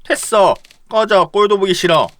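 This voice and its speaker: A man voicing a young man who yells and curses at his friend. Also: high-pitched, fairly quick, no room sound, pitched above the performer's own voice. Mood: furious. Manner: yelling, cursing.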